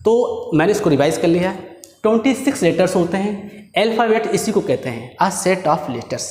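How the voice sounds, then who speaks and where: A man's voice: sits high, lively intonation, a little mellow. A man leads an English lesson, walking through each point and stopping to check in with his listeners. His voice rings out with a long, roomy reverb, as if he is speaking in a large bare hall. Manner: explains step by step, often checks in with "okay"; drills letters slowly and invites the class to repeat. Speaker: English teacher. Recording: echoey room with long reverb.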